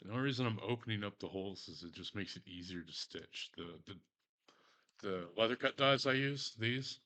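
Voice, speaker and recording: During a crafting stream, a Texan man sews leather and talks in a fairly low, fairly quick voice that sounds bright and forceful. His chatter wanders, is full of profanity, and often turns self-mocking.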